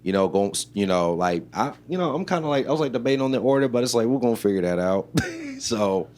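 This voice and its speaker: A man's voice: medium pitch, animated, fast talker, darkish tone. A man from Illinois, a rapper and producer, talking as an interview guest in a loose, rambling way full of fillers. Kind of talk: casual interview chat.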